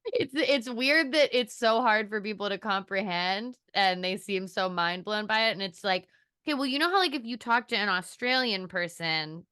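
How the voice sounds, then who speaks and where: A young woman, an actor, telling stories in an animated, casual podcast chat. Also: mid-range voice, smooth, no echo, clean studio sound. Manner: animated, quick storytelling with laughs.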